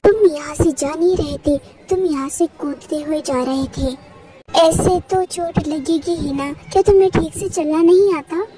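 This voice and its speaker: A woman's voice: high voice, measured pace, low-quality recording. A woman voicing a rude, possessive male college professor who scolds and then dotes. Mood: scolding. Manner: teasing and bossy, softening into doting. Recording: music playing under the voice.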